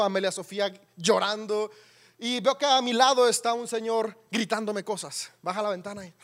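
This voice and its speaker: A man with a Mexican accent, a pastor preaching a sermon through a lively personal story, talking conversationally and asking the listeners questions. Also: high voice.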